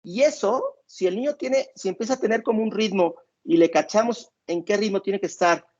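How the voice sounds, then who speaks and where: Male doctor, rather high gravelly voice, explains in a halting way with many fillers, dull lo-fi sound. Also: darkish tone. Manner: hesitant, with many filler sounds and repeated words. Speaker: doctor giving parenting advice. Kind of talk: explanatory talk to listeners. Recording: dull lo-fi recording.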